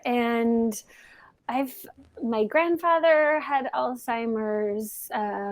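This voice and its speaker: A woman actor introducing herself on a panel in a relaxed, unhurried way. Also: mid-range voice, no room sound. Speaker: actress on panel.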